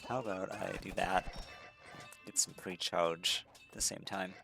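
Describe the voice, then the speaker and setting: A man's voice: low voice, fairly even intonation, unhurried, gravelly, bright, forceful tone, soft background music. A man casually commenting on his own gameplay, rambling and correcting himself with lots of fillers. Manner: rambling, self-correcting, frequent fillers and restarts. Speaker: let's-play commentator.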